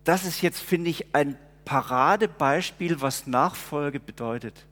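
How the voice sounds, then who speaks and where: A man's voice: fairly high pitch, unhurried, fairly bright tone, in a large hall, soft background music. A man preaching a sermon in an earnest, conversational, explaining way.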